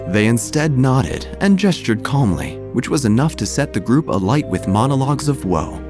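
With music under his voice, a man plays a droll, gossipy small-town church narrator telling a scripted comic story in wry, theatrical phrasing, his mood droll and confiding. His natural, mid-range voice has big pitch swings at a moderate pace.

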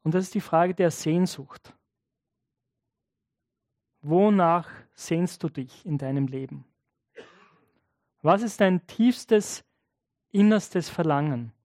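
A man's voice: high voice, expressive, takes it slowly, pauses often, darkish tone, dry recording. Male pastor preaching in a dry, close sound. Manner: conversational storytelling, addresses the listeners directly. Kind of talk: sermon.

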